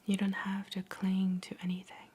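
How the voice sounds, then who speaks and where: A woman giving a whispered ASMR pep talk in a soft, breathy whisper, soothing, gentle and encouraging. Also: mid-range voice, monotone, moderate pace. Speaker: ASMR host.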